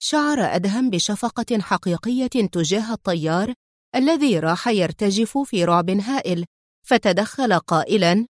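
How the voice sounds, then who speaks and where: A woman reading a thriller story aloud as narrator in an even, dramatic manner. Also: medium pitch, normal speed, no room sound, clean studio sound.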